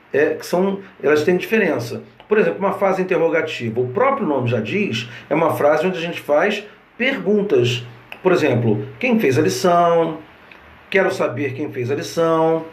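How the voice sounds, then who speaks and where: A man's voice: a little high, roomy sound. A man explains grammar over slides in a conversational way, often checking in with his listeners. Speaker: teacher.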